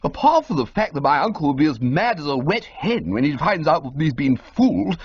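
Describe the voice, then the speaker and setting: A woman voicing an excitable, flustered young gentleman who rushes out agitated exclamations. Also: fairly low pitch, husky, pitched above the performer's own voice. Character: flustered young man-about-town, excitable and dramatic. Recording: dull lo-fi recording.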